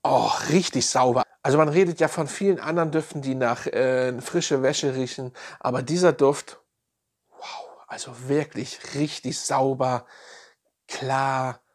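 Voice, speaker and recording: A man reviewing fragrances in a casual, enthusiastic way, piling on slangy praise. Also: medium pitch. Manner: enthusiastic, repeats slang praise like "nice" and "geil".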